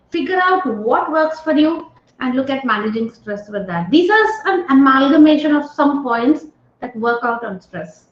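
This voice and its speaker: Woman trainer, high voice, keeps asking the group "right?", roomy and dull call audio. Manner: engaging, often checks in with "right?" and questions to participants. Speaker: stress management trainer. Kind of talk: online training lecture.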